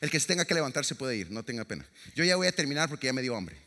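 A middle-aged man from America, preaching a sermon as a lively, dramatic storyteller who adds sound effects and jokes. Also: mid-range voice, very fast, background noise. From Latin America. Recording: long reverb of a large hall.

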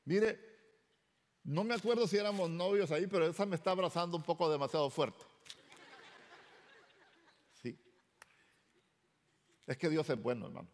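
A male pastor in middle age speaks, his voice sitting slightly high. He tells his personal testimony in story form and acts out each person who speaks in it. His words ring out with a long reverb through a big hall. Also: moderate pace, pauses often. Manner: storytelling, animated, acts out quoted dialogue. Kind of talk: sermon testimony.

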